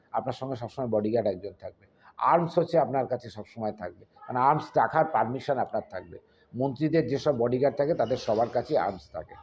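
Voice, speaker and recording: A man talking earnestly to his viewers as an astrologer, explaining at length with fillers and restarts. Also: mid-range voice. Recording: slightly dull, faintly noisy.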